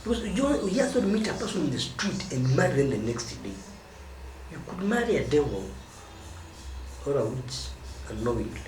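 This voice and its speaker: A Kenyan man with a fairly high, slightly mellow voice teaches about marriage at normal speed, with big pitch swings and long pauses. He stresses key words and prolongs them, heard from afar in a noisy, echoing space.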